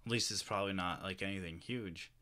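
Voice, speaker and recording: A man co-hosting a casual podcast gives his gaming opinions bluntly and swears a lot. He talks quickly in a slightly low voice with a bright, pointed tone. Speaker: podcast co-host. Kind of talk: casual chat about video games. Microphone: podcast microphone.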